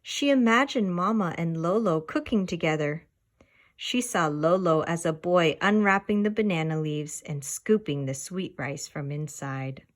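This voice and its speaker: A woman with a lowish voice reads from a children's picture book, telling the story in an expressive, deliberate way.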